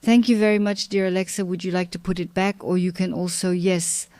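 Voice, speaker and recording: A woman in her fifties hosts an interview, speaking in an affirming, encouraging way. Her voice sits a little low and sounds smooth and resonant, recorded dry. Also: fairly even intonation, fairly quick, a little mellow, no room sound. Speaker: host. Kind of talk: conversational interview.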